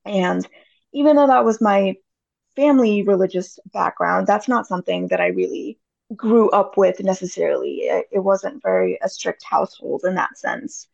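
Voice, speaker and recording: A woman's voice: medium pitch, moderate pace, vocal fry, no room sound. A woman in her thirties, a podcast guest, chatting casually and rambling with many fillers. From United States. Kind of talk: casual interview chat. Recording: dull lo-fi audio.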